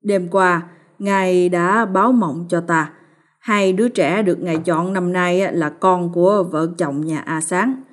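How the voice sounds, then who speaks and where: A woman's voice: on the low side, steady tone, unhurried, close to an everyday voice. A woman reading the part of a stern old male village shaman in a storybook ghost tale, speaking in harsh, commanding orders. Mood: solemn.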